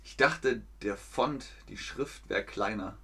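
A man teaching German in a livestream, speaking slowly and clearly with playful high jumps in his voice. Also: bright, forceful tone. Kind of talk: livestreamed language lesson.

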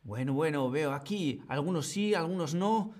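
A man's voice: a little high, animated, moderate pace, a little mellow. A man teaching a live-streamed grammar lesson, patient and playful, talking to his chat. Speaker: Spanish teacher.

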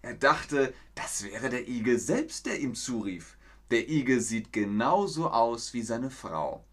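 A man's voice: mid-range voice, very animated, slow. A man teaching German on a live stream, reading a fairy tale aloud, explaining words and greeting viewers from the chat. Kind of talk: slow storytelling lesson with chat replies.

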